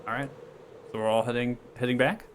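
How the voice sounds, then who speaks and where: A man working as game master, narrating a tabletop game in a halting, improvised way with frequent tag questions. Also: mid-range voice, fairly even intonation. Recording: clear background noise.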